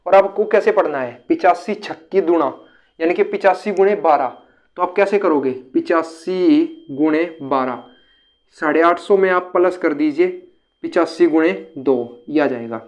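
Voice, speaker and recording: A man's voice: sits high, normal speed. A man teaching a step-by-step math lesson, often repeating himself and calling his viewers friends.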